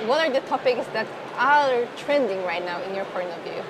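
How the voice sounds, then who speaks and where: A woman's voice: on the high side, animated, normal speed, background noise. A woman interviewer asking plain, short questions.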